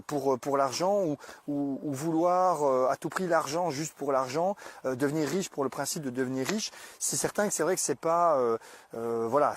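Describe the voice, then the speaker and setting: A man hosting a podcast, talking through business ideas in a casual, colloquial way, often pausing and restarting as he speaks directly to the listener. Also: a little high, dry recording. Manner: hesitant, many pauses and restarts. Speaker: podcast host.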